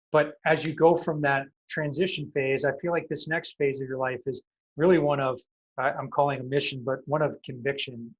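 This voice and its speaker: Husky, reflective male host. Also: medium pitch, lo-fi sound. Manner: reflective, long summarizing questions. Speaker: company CEO and show host. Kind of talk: conversational interview.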